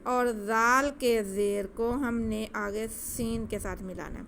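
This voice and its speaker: A woman teaching Quran recitation step by step, explaining gently and patiently at a quick pace. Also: on the high side, fairly even intonation, a little hiss or hum.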